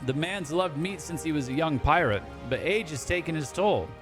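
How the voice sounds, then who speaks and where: A man voicing a busy, gruff male cook who talks in a rough pirate dialect, reading game dialogue aloud. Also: fairly high pitch, lively intonation, normal speed, over music, lightly acted. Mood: harried. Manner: rough dialect with dropped words.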